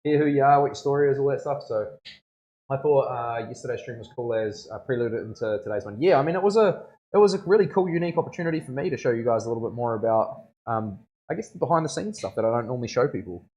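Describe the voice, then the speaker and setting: A man's voice: mid-range voice, lively intonation, fast talker, a little mellow, muffled recording. A man with a broad New Zealand accent chats casually on a livestream as a tattoo artist, in laid-back, slangy speech that often checks for agreement.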